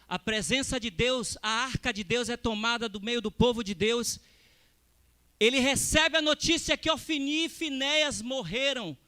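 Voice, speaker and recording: A man preaching a sermon as a missionary, speaking emphatically and rising to forceful exclamations. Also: very high voice, clear, resonant tone.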